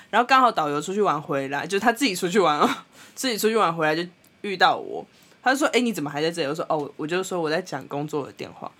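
A young Taiwanese woman with a Taiwanese Mandarin accent, co-hosting a podcast and telling a story in a blunt, animated way, laughing often. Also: fairly low pitch. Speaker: podcast co-host. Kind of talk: casual storytelling chat.

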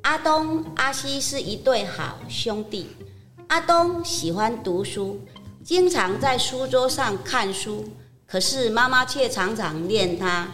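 An older woman narrating a children's story gently. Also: a little high, lively intonation, takes it slowly, long reverb tail, faint music behind.

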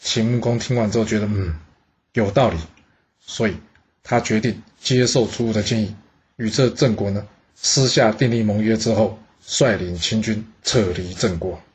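Man, podcast storyteller, very husky voice, lively, rhetorical questions. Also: fairly low pitch, normal speed. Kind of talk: casual storytelling narration.

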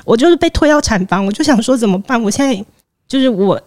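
A woman with a Taiwanese Mandarin accent hosting a podcast, telling a personal story in an animated way and acting out what people said. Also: a little high, fast talker, no room sound. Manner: animated storyteller, acts out quoted speech. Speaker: podcast host.

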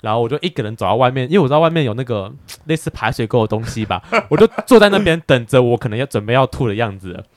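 A man speaking, co-hosting a podcast and telling a story in a casual, animated way, with stammering restarts and frequent laughter. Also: mid-range voice, racing, hardly any pauses, dry recording. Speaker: podcast co-host.

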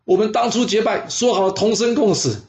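A man voicing a rough ancient warrior who mocks a rival and later cries out in grief for his sworn brothers. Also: on the high side, lively intonation, quick pace, voice pushed up, natural voice. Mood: anguished. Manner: shouting, anguished. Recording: dull lo-fi sound.

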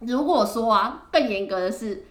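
A woman with a Taiwanese Mandarin accent co-hosting a podcast in casual chat, telling stories with animated, drawn-out endings. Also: a little high, reverberant. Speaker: podcast co-host.

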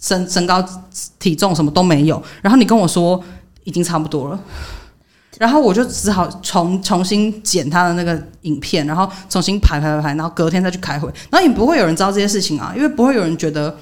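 Fast-talking woman telling stories. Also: on the low side. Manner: animated storytelling, acting out quoted dialogue. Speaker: podcast co-host. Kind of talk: casual chat, venting anecdote.

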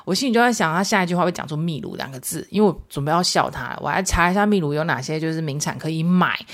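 A woman's voice: deep voice, lively intonation, fast. A woman podcast host with a Taiwanese Mandarin accent, telling everyday stories in a chatty, casual monologue mixed with Hokkien phrases.

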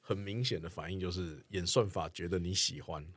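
A man, cutting in with rapid remarks and many small agreements in a casual chat. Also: sits low, a bit bright, slightly rough, dry recording. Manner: rapid interjections, frequent backchannel.

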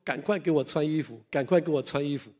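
A frantic old village man shouts indignantly, his voice pitched far up and straining, as a preacher puts him on in a sermon story. He sounds urgent and aggrieved, insisting again and again. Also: fast, big-room sound, natural voice.

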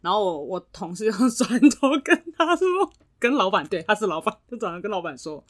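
A woman's voice: mid-range voice, brisk. A young woman chats on a podcast. She tells a work story with feeling and acts out the other people's lines. Her voice sits in a middle register. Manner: animated retelling, acts out quoted voices. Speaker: podcast co-host. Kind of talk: casual chat, storytelling.

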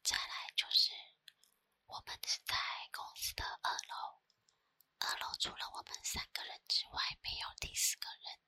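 Woman, Taiwanese Mandarin accent, whispered ASMR storytelling, breathy, soft unhurried delivery with pauses, dry close-mic sound. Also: dry recording. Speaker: ASMR creator. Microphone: close ASMR microphone.

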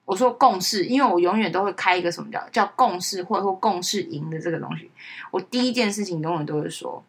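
A woman's voice: mid-range voice, fast talker, slightly rough. A young woman co-hosting a podcast in casual chat, talking emphatically and rising sharply when worked up. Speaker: podcast co-host.

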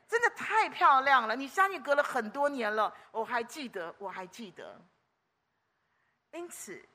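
Woman preacher, high and bright, lively storyteller with exclamations; sermon delivery.

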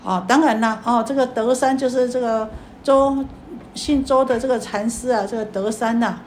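A woman giving a Buddhist sermon, telling a story in a rambling way with many fillers and drawn-out sentence endings. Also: a little high, steady tone, slight background noise. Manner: repetitive, filler-heavy, drawn-out particles. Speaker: Buddhist dharma teacher.

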